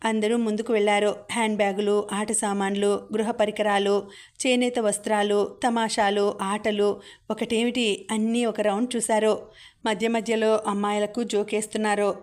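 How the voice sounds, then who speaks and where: Even-voiced woman narrating an audiobook. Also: mid-range voice, normal speed. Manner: steady, even storytelling.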